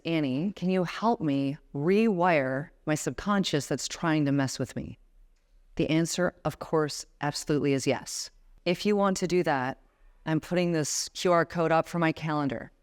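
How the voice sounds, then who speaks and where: A woman in her thirties giving a motivational talk as a guest speaker, emphatic and building to passionate appeals. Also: low-pitched. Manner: emphatic, rising to passionate exhortation. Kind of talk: motivational talk to a live audience.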